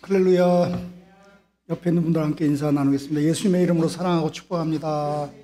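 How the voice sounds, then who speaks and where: A man's voice: a little high, fairly even intonation, quick pace, warm tone. A man preaching a sermon as pastor in a church, pressing his point with repetition and rhetorical questions. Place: church sanctuary.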